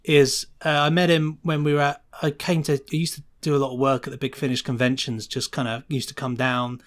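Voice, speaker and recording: Speaking a little fast with a flat delivery, a mid-range male voice belongs to a sound designer guesting on a podcast. He rambles through his answers in an enthusiastic, casual, conversational way.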